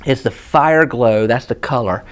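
In a guitar shop room with guitars hanging on the walls, a man in his thirties from South Carolina chats casually with a Southern accent. He tells stories and explains gear hands-on, his mid-range voice unhurried.

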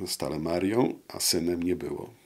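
A man in his sixties, deep and gravelly-voiced, gives a long, measured historical explanation as an interview guest, with lively intonation. He hesitates often, stretching out "e" sounds to fill gaps. A lapel mic captures him close and clean in a wood-panelled studio room with a brick wall.

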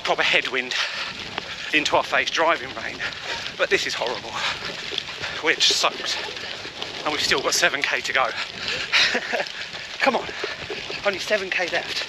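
A man's voice: a little high, expressive, measured pace, pauses often. A man giving casual, encouraging vlog commentary while running outdoors. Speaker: vlogger. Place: outdoors on the move in rain. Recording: noisy outdoor recording with wind, traffic.

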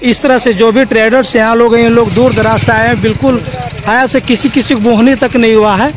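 Holding his phone at arm's length, a man from Jharkhand, India, briskly narrates a bustling open-air village market in Hindi sprinkled with English. His voice is very high with fairly even intonation, and as vlogger and host he keeps the commentary casual while crowd noise and music play behind him.

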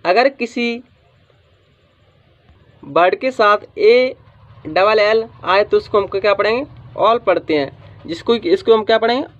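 A man teaching English reading in a phonics lesson, spelling out letters and asking questions he answers himself, sometimes drawing a word out slowly. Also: sits high. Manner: drawls some words slowly for emphasis. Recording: dull lo-fi sound.

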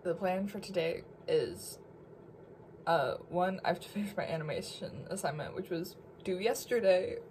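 A woman's voice: fairly low pitch, lively intonation, moderate pace, noisy background. A young woman chatting casually and jokingly to her viewers as a vlogger, swearing freely. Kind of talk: casual chat.

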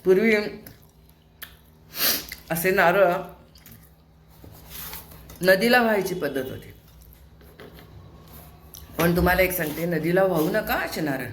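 A woman's voice: lowish voice, lively intonation, slow, long pauses, echoey room, slight background noise. An older woman, host of a home vlog, chatting casually while cooking, asking rhetorical questions and scolding in a homely way. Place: home kitchen.

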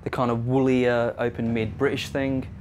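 A man's voice: mid-range voice, little pitch movement, moderate pace, darkish tone, faint music behind. Man in casual product demo chat. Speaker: product representative for a guitar amp brand. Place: indoor guitar shop.

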